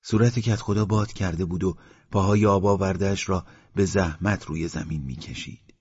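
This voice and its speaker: A man narrating a story in a steady, measured reading, in a dull lo-fi audiobook recording. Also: low voice, husky, dry recording.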